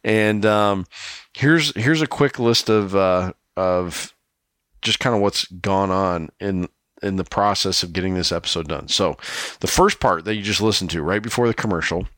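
Low nasal gravelly man, sick. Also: a little slow, fairly bright tone, no echo, clean studio sound. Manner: rambling, with many restarts and fillers. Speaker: podcast co-host. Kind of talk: casual hunting podcast chat. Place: rural home.

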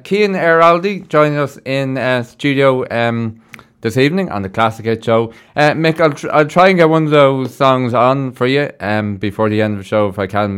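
Hosting a radio show live from the studio, this man keeps things casual, chatty, and informal. His mid-range voice is clear and resonant, captured by a close studio mic.

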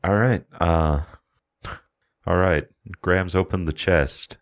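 A man's voice: sits low, takes it slowly. A man playing a tabletop game, chatting casually and gleefully describing grisly details with frequent laughter. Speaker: player.

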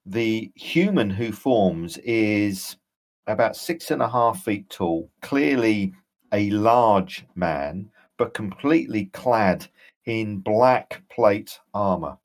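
A man running a tabletop role-playing game as game master, describing scenes in a halting way. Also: fairly low pitch, expressive.

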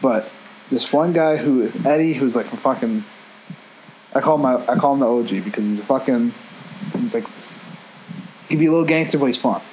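A man trading crude jokes and teasing his friends in a relaxed chat. His voice is mid-pitched. A faint hum sits behind him. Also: normal speed, pauses often, poor audio. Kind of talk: casual banter.

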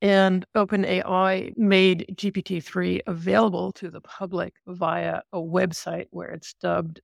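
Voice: mid-range voice, flat delivery, measured pace, gravelly, dry recording. A podcast co-host who interviewed a researcher, explaining things in a thoughtful conversational way with some restarts.

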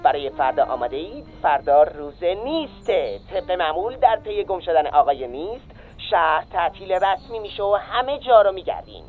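A man's voice: high-pitched, big pitch swings. A man voicing a cheerful male radio announcer addressing his listeners. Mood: announcing. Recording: tinny radio sound with faint music.

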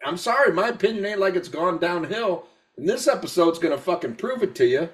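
A high-pitched man, tipsy from drinks, rants in a rambling, profane stream as a podcast co-host. He talks heatedly and repeats himself. His voice sounds a little distant from the microphone. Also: animated, a little fast. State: drunk. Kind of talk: casual podcast rant.

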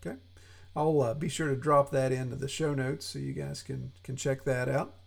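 A man's voice: medium pitch, level tone, normal speed, gravelly. A man with an Appalachian drawl, talking casually and in a folksy, self-deprecating way as a podcast host. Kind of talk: casual, conversational podcast monologue.

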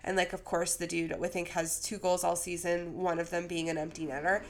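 A woman's voice: on the low side, little pitch movement, brisk. A woman co-hosting a podcast with casual sports talk, speaking while sick with a cold. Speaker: podcast co-host.

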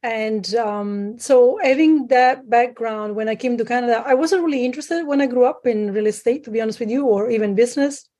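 A woman from Sicily, Italy, speaks as a guest in a conversational interview over a remote call, describing her work as a private lender. Her rather high, dark-toned voice is brisk with few pauses, yet full of uhs, ums and restarts.

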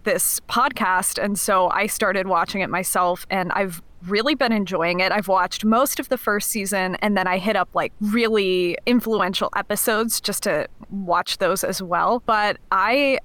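A woman chats casually as a podcast co-host. Her voice is mid-pitched, and her phrasing is informal, sprinkled with "like". She is recorded dry, without audible room. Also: a little slow, few pauses, a bit bright, no echo. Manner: informal, peppers talk with "like". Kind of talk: casual chat.

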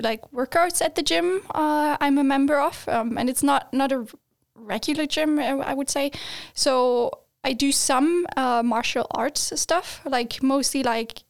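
This woman, a student in her twenties appearing as a podcast guest, speaks in a high, creaky voice at a slightly slow pace. The conversation is casual and chatty, full of laughter, fillers, and false starts.

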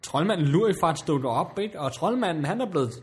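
A man's voice: on the high side, expressive, close to an everyday voice. A man playing a flustered, exasperated bar worker who rambles, stammers and repeats himself in a comic drama. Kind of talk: comic role-play drama.

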